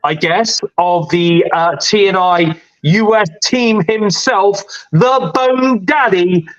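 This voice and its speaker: Congested with a cold, a man hosts a casual wrestling podcast, rambling along with plenty of fillers. His voice sits high and he takes things slowly, while the recording has its highs cut off.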